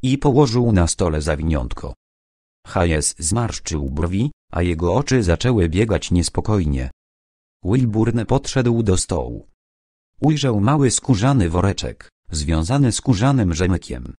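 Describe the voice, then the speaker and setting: A man narrating a crime novel audiobook in a measured, dramatic storytelling way. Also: low voice, big pitch swings, warm tone, no echo.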